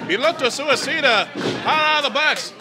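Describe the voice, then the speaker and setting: A man doing excited play-by-play as a lucha libre announcer, calling moves and exclaiming. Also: very high voice, moderate pace, music in the background. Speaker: lucha libre match commentator. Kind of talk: excited play-by-play wrestling commentary. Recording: noisy hall recording with loud crowd. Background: loud wrestling crowd.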